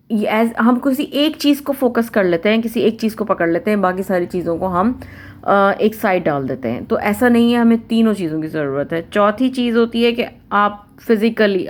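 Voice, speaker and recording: A woman from Pakistan giving a conversational talk on family relationships, listing points one by one and acting out what people say. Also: medium pitch. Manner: conversational, repeats and lists points, acts out quoted speech. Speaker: Islamic family-life speaker.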